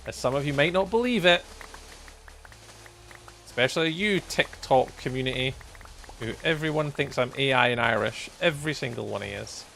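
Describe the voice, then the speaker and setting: A Scotsman in his forties livestreams a game and chats casually with viewers, good-humoured and rambling, with frequent ums and chuckles. His mid-range voice is gravelly and a bit bright, animated at a moderate pace with long pauses. A little hiss or hum is audible.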